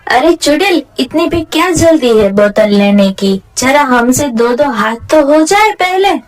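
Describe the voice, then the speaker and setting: A plucky magical boy hero gives bold orders in a high voice, as a woman acts him out. He takes charge of a cartoon fight with confident commands. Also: lively intonation, a little slow. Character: brave male magical helper boy.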